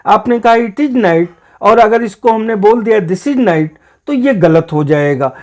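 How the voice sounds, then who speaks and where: A teacher explaining an English grammar lesson, reading example sentences out slowly and repeating the key points. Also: mid-range voice, lively intonation, a little mellow.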